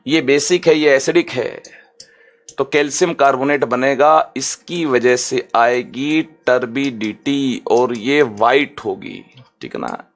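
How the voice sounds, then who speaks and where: A medium-pitched man teaches chemistry in an online lecture, sounding lively and chatty. He slows down to give careful English definitions and checks in with his students often.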